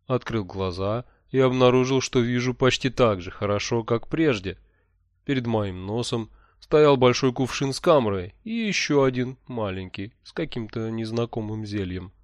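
A man reading a first-person audiobook narration in a measured, wry, even way. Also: mid-range voice, dry recording.

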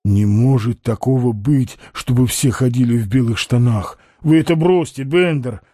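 A man voicing a naive, eager male sidekick with a scratchy voice and a pleading, drawn-out way of talking. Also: mid-range voice, dark tone, dry recording, studio quality, natural voice.

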